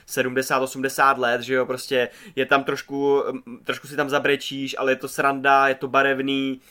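A Czech man co-hosting a podcast, chatting casually and rambling with many fillers. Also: mid-range voice. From Czech Republic. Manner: rambling, animated, swears casually. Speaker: podcast co-host. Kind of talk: casual chat.

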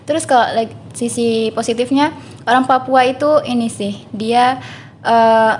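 Guest: young woman from Java, easygoing, slightly high voice, muses as she talks. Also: measured pace, slight background noise. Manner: relaxed, thinking aloud with fillers. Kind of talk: casual interview chat.

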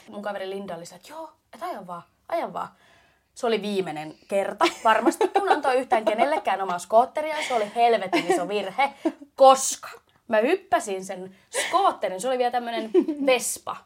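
A young woman with a Finnish accent telling a funny story on a podcast, animated and laughing. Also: on the high side. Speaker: podcast co-host. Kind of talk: casual storytelling chat.

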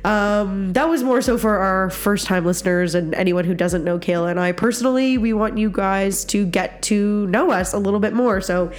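A woman co-hosting a casual podcast, chatty and giggly, with a congested, slightly raspy voice from a stuffy nose. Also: normal speed, hardly any pauses. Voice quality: low, raspy. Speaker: podcast host, social worker. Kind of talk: casual chat.

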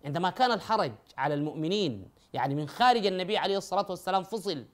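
A man's voice: sits high, expressive, very fast. Man giving a methodical lecture. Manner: methodical, addresses listeners directly, recites verses. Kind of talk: explanatory religious lecture.

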